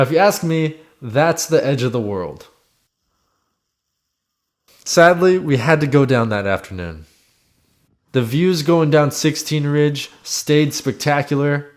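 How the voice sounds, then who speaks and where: A man's voice: on the high side, animated, unhurried, long pauses. A man reading a scripted first-person voice-over about his own expedition in a reflective storytelling way. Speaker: climber narrating own expedition.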